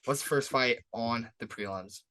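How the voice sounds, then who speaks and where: At a moderate pace, a co-host with a bright, mid-range voice and a forceful tone previews upcoming fights during a casual sports podcast chat. He comes across hyped and emphatic, relying on repetition.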